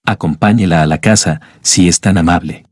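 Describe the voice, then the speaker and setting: A man voicing a formal, courteous plantation manager in an audiobook, speaking quietly. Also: low-pitched, normal speed, no echo, clean studio sound, faint music behind. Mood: polite. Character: polite plantation manager giving orders.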